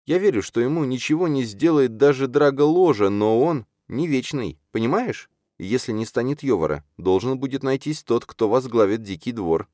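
A man's voice: mid-range voice, animated, normal speed, few pauses, mellow, dry recording, studio quality, voice pushed up, close to an everyday voice. A man putting on an anxious young sorceress. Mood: urgent. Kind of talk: audiobook character voice.

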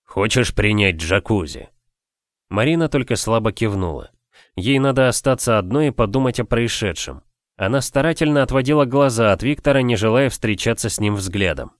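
A man reading an audiobook as its narrator, in an even, measured way. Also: mid-range voice, dry recording, clean studio sound. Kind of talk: scripted narration.

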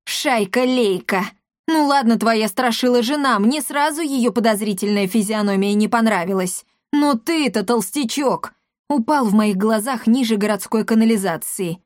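A woman's voice: a little high, normal speed, no room sound, studio quality, close to an everyday voice. A woman voicing a grumpy, sarcastic male talking cat in a storybook reading, grumbling and mocking.

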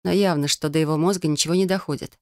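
A woman's voice: low voice, steady tone, fast talker, a little mellow, no room sound, studio quality. A woman narrating a first-person fantasy romance audiobook in a sardonic, sarcastic manner.

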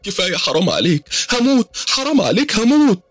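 Scared young college girl in a horror story, acted by a man, husky, raised high, egyptian accent, rapid. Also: very animated, no echo. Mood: terrified. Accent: Egyptian Arabic. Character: frightened young woman student, pleading.

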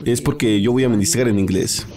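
A man's voice: mid-range voice, a little fast, warm tone. A man interpreting a sermon live in a church, repeating each phrase right after the preacher. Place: church hall with a congregation. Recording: live church recording with a crowd behind. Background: congregation.

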